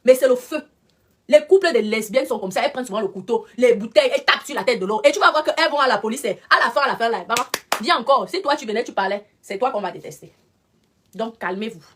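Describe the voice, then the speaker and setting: Woman, live-stream chat, slightly high voice, emphatic, repeats herself. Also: lively intonation, quick pace. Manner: emphatic, repeats points, addresses viewers directly. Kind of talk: casual live-stream commentary.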